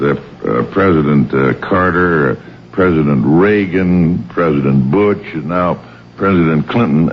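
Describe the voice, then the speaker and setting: A man with an American accent questioning a witness as a senator, in a formal, measured, halting and roundabout way. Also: deep voice. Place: government hearing room. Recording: dull lo-fi 1990s hearing audio, faint noise.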